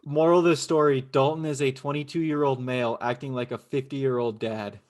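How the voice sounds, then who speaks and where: A man's voice: medium pitch, fairly even intonation, normal speed, a crowd in the background. A man co-hosting a casual podcast, throwing in wry, teasing remarks. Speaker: podcast co-host. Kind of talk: casual chat.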